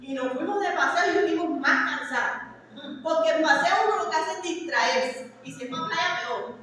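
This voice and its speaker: A woman's voice: sits high, moderate pace, pushed and bright. A woman pastor preaching a sermon, fervent and emphatic, with chatty asides to her congregation. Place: church hall. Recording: echoey church hall, mic far off.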